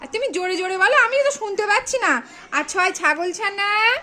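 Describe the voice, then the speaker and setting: A woman's voice: extremely high pitch, moderate pace, heavy background noise. A woman tutoring a small child at home, repeating prompts, coaxing and scolding in turns. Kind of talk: home reading lesson with a child.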